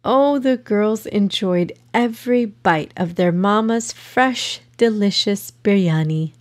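A woman reading a children's story aloud as host of a kids' podcast. She takes a slow, unhurried pace and shapes each line expressively, her pitch medium. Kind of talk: storybook narration.

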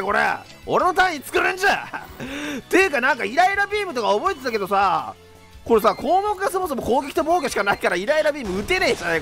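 A young man doing let's play commentary, rough-talking and exasperated, laughing often. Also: very high-pitched, bright, forceful tone. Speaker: game commentator.

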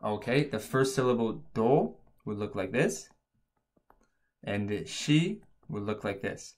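A man's voice: lowish voice, a little slow, darkish tone. A man narrating an instructional language lesson as a teacher, explaining things step by step.

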